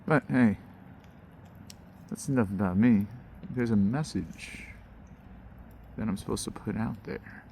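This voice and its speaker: A man with a low voice and a gravelly fry talks casually to his viewers by a campfire outdoors. His delivery is slangy and musing, wandering as he goes. Faint ambient noise sits behind him. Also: warm tone. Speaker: host. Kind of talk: casual fireside monologue to viewers.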